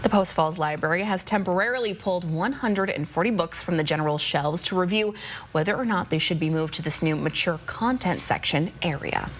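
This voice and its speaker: A woman's voice: lowish voice, fairly quick, slight background noise. A woman working as a morning news anchor, reading stories in a broadcast style with light banter.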